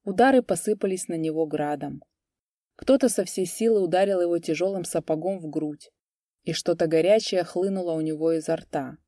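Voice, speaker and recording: A woman narrating an audiobook story with measured, dramatic pacing. Her voice sits on the low side with a dark, mellow tone, recorded close and dry. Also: no echo.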